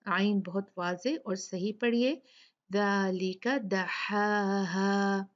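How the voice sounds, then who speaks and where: A woman gives a recitation lesson at a very unhurried pace. She explains each rule and then draws out the recited words one by one. The recording sounds dull and lo-fi. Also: mid-range voice, a little mellow. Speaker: Quran recitation teacher. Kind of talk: tajweed lesson with slow demonstration recitation.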